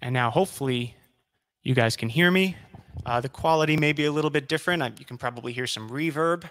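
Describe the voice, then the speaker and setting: A man's voice: on the high side, quick pace, fairly bright tone. A man giving a casual live-streamed product demo, his voice heard with reverb through a mic plugged into a keyboard, explaining with many fillers. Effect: reverb from a mic run through a keyboard. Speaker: product demonstrator.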